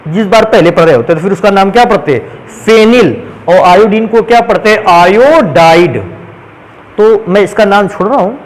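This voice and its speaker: In a low-quality recording, a high-voiced man gives a chemistry lecture in class. He keeps putting questions to his students and then answering them himself.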